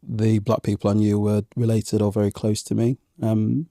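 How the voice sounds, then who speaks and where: Low, mellow-voiced man. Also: flat delivery, normal speed, no echo, clean studio sound. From Zambian parents, raised in England from age one. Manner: reflective, hesitant with many ums and restarts. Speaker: podcast guest. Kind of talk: conversational interview.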